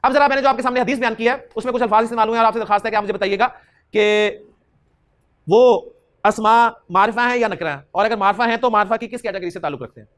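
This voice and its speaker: High-voiced grammar teacher. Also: male voice, a bit bright, smooth. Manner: questions students and drills answers back; repeats key terms slowly for emphasis. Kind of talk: classroom lecture.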